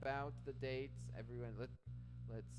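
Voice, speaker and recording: Reading viewers' comments aloud and replying, a Canadian man runs a live trading stream in a casual way and frequently restarts. His medium-pitched voice has little pitch movement at a normal speed. The recording is muffled with a noisy background.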